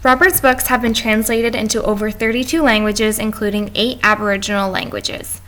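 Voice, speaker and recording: A woman's voice: mid-range voice, steady tone, normal speed, a bit bright, soft background music. A woman reading a class presentation aloud from notes, with small stumbles and restarts. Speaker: student presenter.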